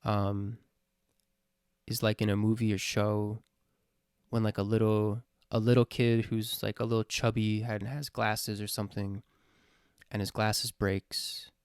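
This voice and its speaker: A man's voice: on the low side, flat delivery, unhurried, a little mellow, clean tone, no room sound, studio quality. A man musing aloud in a casual, sincere monologue, hesitant and full of fillers, swearing now and then. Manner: rambling, hesitant, many fillers and restarts. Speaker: vlogger answering his own question list.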